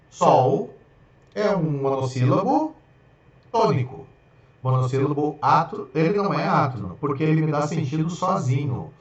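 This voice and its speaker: Male teacher, explanatory, checks in often, fairly high voice, strong room echo, dull lo-fi sound. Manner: spells out examples slowly, syllable by syllable. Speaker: Portuguese teacher. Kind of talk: grammar lesson for exam students.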